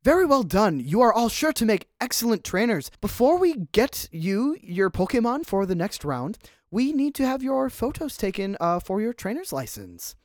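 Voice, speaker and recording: A man's voice: sits high, sing-song, normal speed, no room sound, studio quality, voice pushed up. A man voicing a formal, polite professor addressing students.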